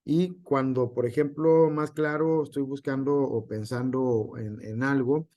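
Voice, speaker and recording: A man's voice: mid-range voice, steady tone, measured pace, warm tone. A male teacher gives an online class, with frequent hesitations and filler words.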